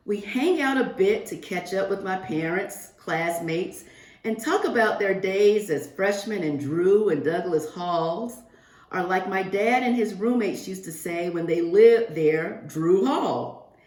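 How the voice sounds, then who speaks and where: A woman visits a school class as a guest picture-book reader, reading a story aloud to young children slowly and expressively while speaking to them directly. Her voice is medium-pitched, and the virtual-reading audio carries noticeable room echo.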